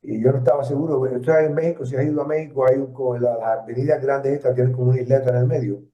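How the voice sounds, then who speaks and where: A man in his seventies with a Puerto Rican Spanish accent, telling stories in an interview, reflective and halting with many fillers and restarts. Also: mid-range voice, steady tone. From Puerto Rico. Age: 70s. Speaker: interviewee, retired journalist. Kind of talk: storytelling interview. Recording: roomy, distant, dull lo-fi sound.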